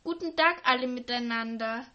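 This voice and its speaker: A woman's voice: on the high side, normal speed, pushed and bright, muffled recording. A woman reading the part of a sweet, eager schoolgirl who gushes over people. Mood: gushing. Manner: gushing, eager. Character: sweet gushing schoolgirl, easily smitten.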